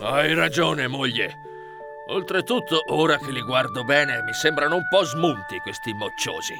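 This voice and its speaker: A man's voice: fairly high pitch, animated, moderate pace. A man voicing a greedy, cruel male ogre in a storybook reading, menacing and growling threats. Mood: scheming. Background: background music.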